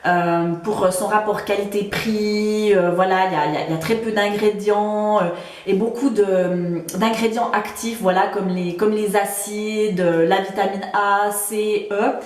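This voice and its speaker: A woman's voice: medium pitch, steady tone, a little slow. A woman with a Swiss French accent casually reviewing beauty products she has used up, with frequent fillers and restarts. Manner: hesitant, many fillers and restarts. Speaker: beauty vlogger. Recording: roomy echo.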